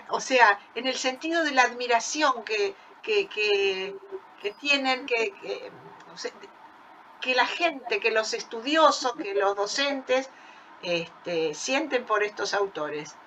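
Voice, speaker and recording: A woman's voice: a little high, animated, slow, muffled recording, a little hiss or hum. An older woman with an Argentine accent, coordinating a reading workshop and sharing admiring memories with many restarts. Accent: Argentine Spanish. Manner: warm admiring, with frequent restarts. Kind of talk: informal remarks in an online workshop.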